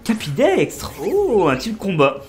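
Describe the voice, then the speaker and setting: A man in his twenties giving casual, excitable commentary while playing a video game and talking to his viewers. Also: high-pitched, slow pace, faint music behind. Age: 20s. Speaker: let's play streamer.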